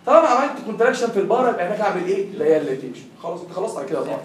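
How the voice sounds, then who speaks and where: Fast-talking Egyptian man lecturing. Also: sits high, sing-song. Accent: Egyptian Arabic. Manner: rapid, quizzing students with questions. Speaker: tutor. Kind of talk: classroom lecture. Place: classroom. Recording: echoey room, heard from far off.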